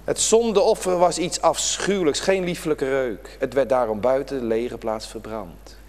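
A man preaching a sermon to his congregation, dramatic, rising to emphatic lines and dropping to hushed near-whispers. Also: mid-range voice, unhurried. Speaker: pastor. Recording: long church reverb.

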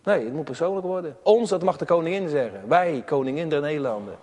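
Dutch preacher with soaring emphatic delivery. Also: male voice, lively intonation, fast talker, husky, big-room sound. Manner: emphatic, rising to high cries and dropping to hushed tones. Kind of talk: sermon. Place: church.

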